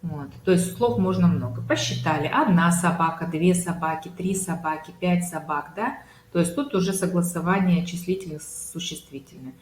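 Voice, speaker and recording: A woman's voice: on the low side, normal speed, darkish tone, roomy sound, slight background noise, rough recording. A woman speech therapist patiently explaining home speech exercises step by step, with many examples and filler sounds. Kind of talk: consultation talk on home exercises.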